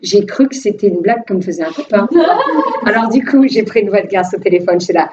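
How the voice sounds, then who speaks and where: Animated woman telling her story from afar. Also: mid-range voice, fairly quick. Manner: animated, laughing, with frequent restarts. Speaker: filmmaker giving a personal testimony. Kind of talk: lively storytelling talk to an audience. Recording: distant, dull, slightly noisy room recording.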